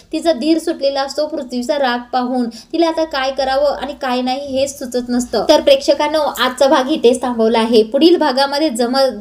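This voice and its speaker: A woman's voice: high voice, darkish tone. A woman narrating a dramatic recap of a TV serial episode, addressing viewers directly.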